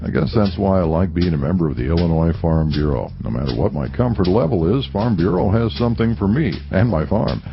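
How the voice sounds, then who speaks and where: A man playing an easygoing farmer with a gravelly voice in a scripted radio testimonial ad. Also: low voice, animated, fairly quick, hardly any pauses. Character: easygoing male farmer, Farm Bureau member. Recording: dull radio audio over guitar music.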